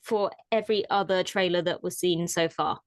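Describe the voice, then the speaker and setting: A woman co-hosting a casual fan chat show, chatty and quick to laugh, with hedging fillers. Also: on the low side, fairly even intonation, dry recording. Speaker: podcast co-host.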